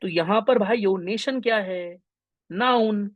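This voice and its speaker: High-voiced energetic grammar teacher. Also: male voice, measured pace, dry recording, narrow, tinny audio. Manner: energetic, mixes Hindi with English terms, addresses students as brothers. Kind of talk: online exam-prep class lecture.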